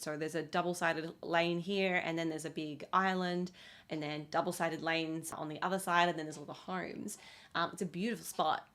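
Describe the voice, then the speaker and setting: A woman's voice: on the low side, a bit bright. A woman in her thirties, a fitness coach who moved to the States, chatting casually to camera with lots of fillers and frequent laughs. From outside the United States. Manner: chatty, laughs often, many fillers like "like" and "you know". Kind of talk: casual talking-to-camera check-in.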